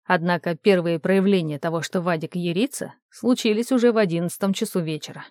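A woman narrating an audiobook in a measured, even manner. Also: fairly low pitch, no room sound, studio quality. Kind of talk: audiobook reading.

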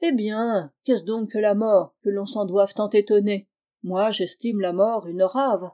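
A woman's voice: mid-range voice, fairly even intonation, measured pace, warm tone, lightly acted. A woman reading the lines of a cunning male sorcerer who sermonizes in a lofty, wordy manner, in an audiobook of a classic tale. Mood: lecturing.

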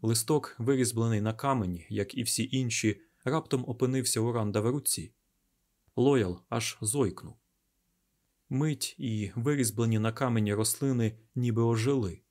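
Casting: male audiobook narrator, mid-pitched, steady and deliberate fantasy storytelling.

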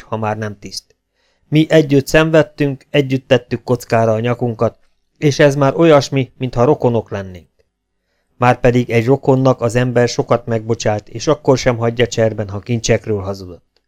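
A man's voice: mid-range voice, a little mellow, natural voice. A man reading an audiobook, voicing a self-important male army chief doctor with a pompous manner.

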